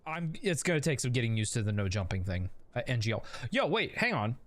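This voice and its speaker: A man's voice: medium pitch, big pitch swings, brisk, fairly bright tone. Rambling, laughing male streamer. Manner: rambling, laughing, many fillers and restarts. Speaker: streamer and host. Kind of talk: casual live game stream.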